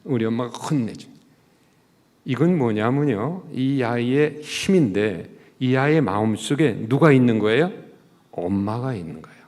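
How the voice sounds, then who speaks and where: A man's voice: mid-range voice, lively intonation, normal speed, darkish tone, long reverb tail. A man, a professor, giving a sermon-style talk at a church service, asking the listeners rhetorical questions and acting out short quoted lines. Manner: acts out the quoted lines of mother and child.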